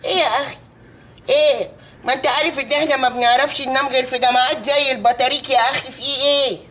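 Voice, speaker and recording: A woman's voice: high-pitched, steady tone, fast talker, fairly bright tone. A whiny, fretful sitcom woman. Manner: whiny, complaining. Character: fretful grown woman, sleepy and complaining. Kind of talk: sitcom acting.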